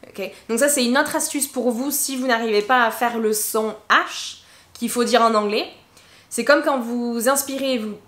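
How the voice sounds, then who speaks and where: A woman whose first language is French, teaching English pronunciation in a bilingual lesson and slowly drawing out example words. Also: fairly high pitch, fairly bright tone. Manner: switches between English and French, slow drawn-out examples. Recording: echoey room.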